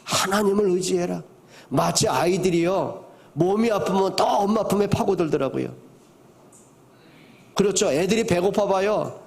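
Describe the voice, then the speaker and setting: An older man, a pastor, preaching a sermon, moving from soft to loud and asking the congregation questions. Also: high-pitched, moderate pace, vocal fry, pauses often.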